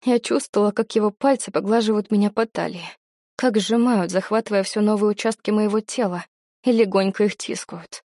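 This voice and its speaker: A woman reads a novel aloud in the first person, lively and wry. Her voice is mellow and dark, recorded close and dry with no room around it. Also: medium pitch, fairly quick, no room sound. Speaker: audiobook narrator. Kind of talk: first-person storybook narration.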